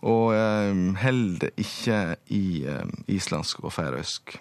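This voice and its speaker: A male linguist being interviewed, explaining patiently and pausing often to find his words. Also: deep voice, no echo. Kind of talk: radio interview.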